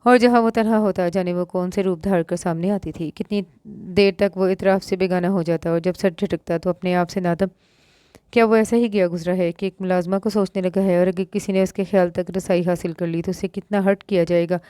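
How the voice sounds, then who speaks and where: Mellow-voiced woman reading a novel. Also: fairly low pitch, fairly quick, smooth, no echo, studio quality. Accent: Pakistani Urdu. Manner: reads all parts in one even voice, lifting slightly for quoted lines. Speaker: novel narrator.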